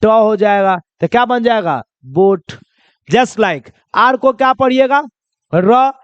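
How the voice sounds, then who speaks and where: High-voiced male teacher drilling questions. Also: expressive, takes it slowly, clean tone, no room sound, highs cut off. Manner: drills with repeated quiz questions; addresses viewers as children. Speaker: English pronunciation teacher. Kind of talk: classroom-style lesson.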